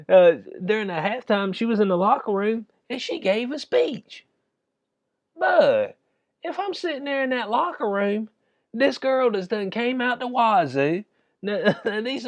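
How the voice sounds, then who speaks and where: A man's voice: high-pitched, dry recording. A man with a Southern US accent giving a casual, comedic sports rant in an incredulous, slangy, chuckling manner. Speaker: commentator.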